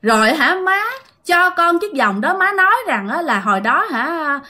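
Woman narrator voicing a sobbing possessed ghost, high shrill pleading, storytelling. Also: big pitch swings, moderate pace, sharp tone, heavily acted. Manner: wailing, pleading, repeating herself. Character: sobbing woman possessed by a dead daughter-in-law's spirit.

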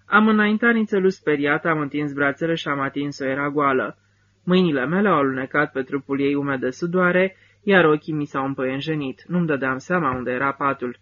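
A man reading a first-person literary novel as an audiobook narrator, with measured, steady phrasing. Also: fairly high pitch, lo-fi sound, slight background noise.

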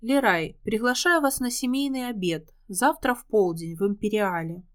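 A woman's voice: medium pitch, normal speed, a bit bright, close to an everyday voice. A woman voicing a polite, dutiful young male werewolf in an audiobook. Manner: formal, polite.

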